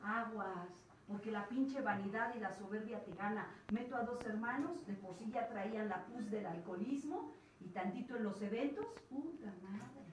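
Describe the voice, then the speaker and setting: A Mexican woman giving a blunt, crude personal testimony as a rehab sponsor, swearing often and rising to loud self-reproach. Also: mid-range voice, moderate pace. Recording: echoey room, mic far off, faint noise.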